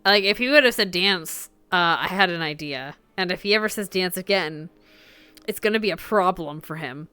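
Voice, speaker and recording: A woman streaming a roleplay game who chats casually, swears freely and tells stories with animated energy. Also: lowish voice, moderate pace, clean tone, no echo.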